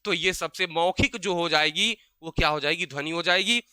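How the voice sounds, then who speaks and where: A young man leads an exam-prep grammar lesson in a high, very bright voice. His speech is clean and crisp, with no room sound. He keeps repeating his own questions, answers them himself, and slows down to sound out each piece. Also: no room sound. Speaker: teacher.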